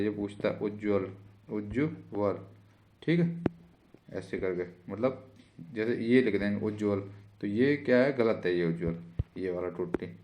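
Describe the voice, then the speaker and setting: Low-voiced man drilling spelling, noisy recording. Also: a little mellow. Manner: repetitive, drills each word with "theek hai". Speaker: teacher. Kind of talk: exam-prep spelling lesson.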